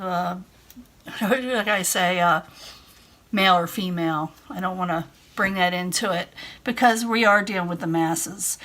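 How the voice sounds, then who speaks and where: A woman gives a casual tarot reading to camera in a chatty, reassuring way, repeating her points again and again. Her voice, a bit bright and at an ordinary middle pitch for a woman, sounds strained because she is losing it.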